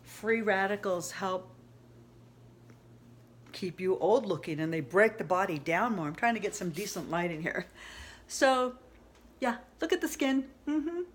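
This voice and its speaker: A home cooking vlogger in her fifties shows off a dish in her kitchen, chatting casually and rambling a bit. Her mid-range voice has lively intonation and a measured pace, broken by long pauses and frequent laughter.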